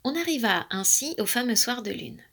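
A woman reading a children's animal story aloud, expressive and lively. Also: a little high, normal speed, creaky.

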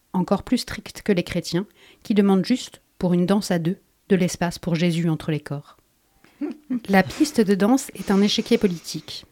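A woman with a mellow, darker voice reads her prepared radio column. She keeps a measured, pointed delivery throughout, steady in pitch and level.

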